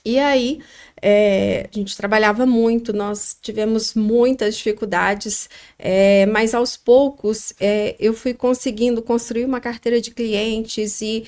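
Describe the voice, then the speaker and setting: A middle-aged woman with a Minas Gerais accent, telling her story as a podcast guest, reflective and pausing often with fillers. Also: fairly high pitch, steady tone, darkish tone. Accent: Minas Gerais Brazilian Portuguese. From Minas Gerais, Brazil. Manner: reflective, pauses with frequent fillers. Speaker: guest, restaurant founder.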